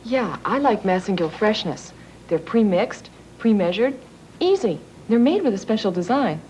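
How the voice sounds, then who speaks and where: A woman's voice: medium pitch, sing-song, normal speed, a little mellow, slight background noise, close to an everyday voice, low-quality recording. An actress playing a chipper young woman endorsing a product in a scripted vintage TV commercial. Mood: chipper, reassuring.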